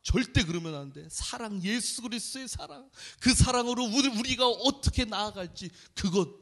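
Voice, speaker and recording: A man's voice: sits high, expressive, moderate pace, fairly bright tone, voice pushed up, full character voice. A male preacher quoting an insistent older male professor who earnestly repeats his point.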